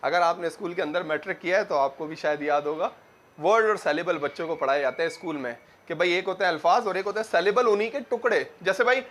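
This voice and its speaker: A young man teaching grammar to a class, asking questions and answering them himself, and repeating words slowly to drill them. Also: sits high, a bit bright. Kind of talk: classroom lecture.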